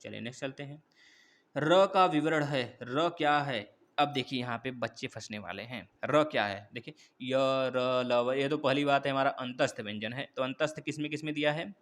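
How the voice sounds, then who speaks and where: A man's voice: medium pitch, moderate pace, a bit bright. A man teaching an exam-prep quiz class, going through questions one by one and coaxing viewers for answers. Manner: repetitive, coaxing, addresses viewers as friends.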